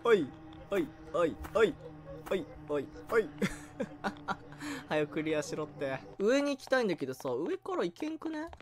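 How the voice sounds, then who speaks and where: Jumpy, animated man streaming a game. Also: high voice, normal speed, soft background music. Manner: easily startled, chatty, yelps and repeats words when scared. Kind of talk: let's play commentary.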